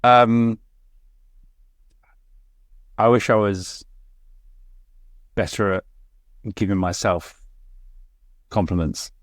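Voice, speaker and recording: A man's voice: on the low side, extremely slow, long pauses, no echo, studio quality. A man co-hosting a casual podcast chat, speaking candidly and reflectively, often restarting his sentences. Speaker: podcast co-host.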